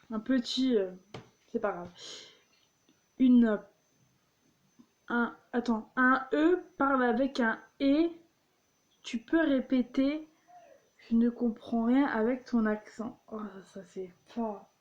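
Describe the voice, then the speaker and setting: A young woman reads jokes out loud at a slow, unhurried pace and keeps stumbling and correcting herself as she goes. Her voice sits a little high, and the recording sounds dull and lo-fi. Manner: giggly, stumbling, explaining jokes. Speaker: vlogger. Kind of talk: reading jokes aloud.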